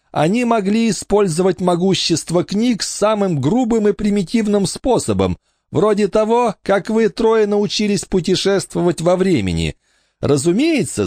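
A male audiobook reader voicing a cold, condescending countess who coaxes and mocks in a smooth, dry studio voice. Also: on the high side, darkish tone, dry recording, voice pushed up. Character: cold, silky scheming noblewoman, a countess. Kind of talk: audiobook character voice.

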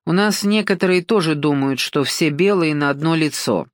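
A woman reading an audiobook and voicing a sly, domineering older African man who talks slowly and patronizingly. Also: low-pitched, no echo, clean studio sound, close to an everyday voice. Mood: coaxing, sly. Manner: slow, coaxing, patronizing, keeps saying "son".

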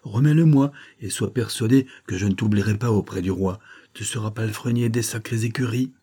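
A man's voice: lowish voice, brisk, warm tone, slightly rough. A man voicing a greedy, scheming male monk who gives orders and threatens. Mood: imperious. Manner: commanding, threatening.

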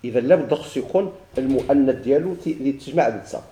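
Fast-talking Moroccan man teaching grammar. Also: mid-range voice, animated, warm tone, roomy sound. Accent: Moroccan Arabic. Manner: questions himself and answers, repeating examples. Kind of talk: classroom grammar lesson.

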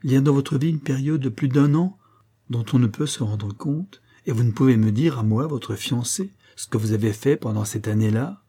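A man reading an audiobook, voicing an honorable army captain who speaks gravely and insistently to his fiancée. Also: medium pitch, moderate pace, mellow, lightly acted. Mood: stern.

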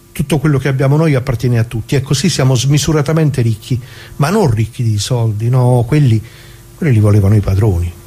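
In a radio theatre monologue, an actor plays an older working-class communist who is nostalgic and proud, speaking colloquially and haltingly and repeating himself with earnest feeling. His voice is mid-range, warm and slightly rough, and the acting is light.

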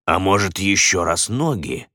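A man voicing a big, boisterous man who speaks broken Russian loudly and heartily. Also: sits low, lively intonation, unhurried, no room sound, clean studio sound, exaggerated voice. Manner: loud, hearty, broken grammar.

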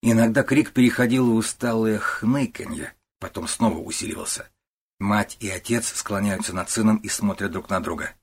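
A man narrating a novel in a measured, storytelling way. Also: lowish voice, fairly even intonation, slightly rough. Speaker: audiobook narrator. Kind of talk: novel reading.

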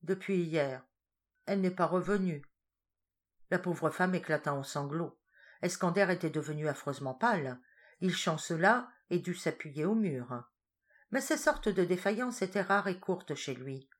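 A woman's voice: fairly low pitch, expressive, moderate pace. A woman reading a novel aloud as an audiobook narrator, voicing the dialogue with lift. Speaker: audiobook reader. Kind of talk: scripted narration.

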